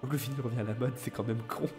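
Chatty French streamer over background music. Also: male voice, mid-range voice, darkish tone. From France. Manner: hesitant, many filler pauses and restarts; chatty, answers viewers by name. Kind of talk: live gameplay stream reading chat.

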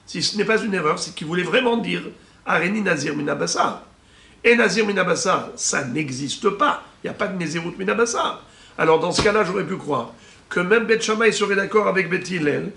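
A man, a rabbi, teaching a Talmud lesson, slowly reading out Hebrew and Aramaic terms and explaining each one. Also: high-pitched, gravelly, bright, forceful tone. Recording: echoey room with faint ambient noise.

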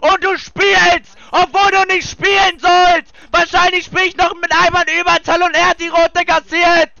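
A man streaming a football video game, ranting loudly and exasperatedly about the game. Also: extremely high pitch, level tone, moderate pace, creaky, no room sound, muffled recording. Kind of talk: live gameplay commentary.

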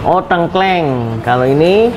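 Outside a mosque and later inside a small food court, an upbeat food vlogger talks to the camera, trading religious greetings and friendly chat with vendors. His voice sits high and he speaks unhurriedly, against a noisy backdrop of street and shop sounds.

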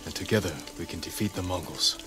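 An actor playing a calm, resolute samurai lord in a video game, measured and stoic. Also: male voice, low-pitched, lightly acted. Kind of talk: video game character dialogue. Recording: loud music and rain behind.

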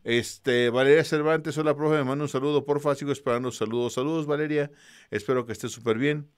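A man's voice: mid-range voice, steady tone, fairly quick, clear, resonant tone, no room sound, studio quality. A man with a Mexican accent, a teacher casually greeting students and reading their messages aloud in a slangy, easygoing way. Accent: Mexican Spanish.

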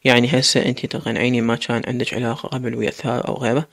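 A man's voice: mid-range voice, level tone, racing, gravelly, fairly bright tone. A man with an Iraqi accent voicing a stern young man who questions and teases in a blunt, demanding way. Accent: Iraqi Arabic.

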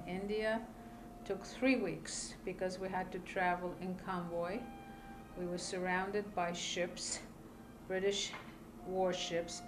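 Slow, calm older woman from Iraq. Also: on the low side, noisy background. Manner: calm, deliberate, pausing between phrases. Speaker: interviewee telling her life story. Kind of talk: measured personal testimony. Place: small indoor room, seated at a table.

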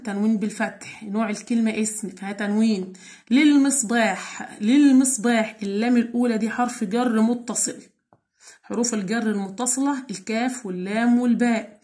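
A woman teacher with an Egyptian accent gives a recorded school lesson, breaking words into syllables slowly and answering her own questions. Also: a little high, darkish tone. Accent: Egyptian Arabic. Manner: slow, drawn-out syllable-by-syllable spelling; asks questions and answers them herself. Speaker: primary school Arabic teacher.

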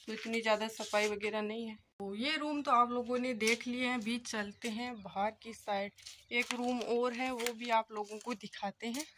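A young woman films herself at arm's length on a phone while walking through an old empty brick house, indoors and outdoors. Her voice is on the high side, steady in tone and moderately paced, chatty with filler phrases as she talks to viewers like friends. There's a noisy background.

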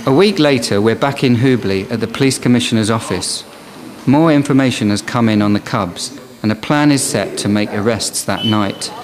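A man's voice: lowish voice, moderate pace. A man presenting and narrating a nature documentary in a scripted reporting style. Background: music under the narration.

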